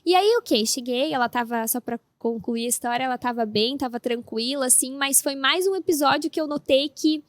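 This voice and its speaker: Podcast co-host, woman, high bright-toned voice, animated storyteller, dry close sound. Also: a little fast, few pauses, no echo. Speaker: mother of a baby. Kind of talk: casual podcast chat.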